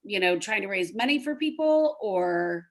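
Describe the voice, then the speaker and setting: A woman's voice: medium pitch, lively intonation, moderate pace. Effusive woman hosting a casual podcast. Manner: effusive, complimentary, loosely phrased. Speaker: podcast host, interviewer.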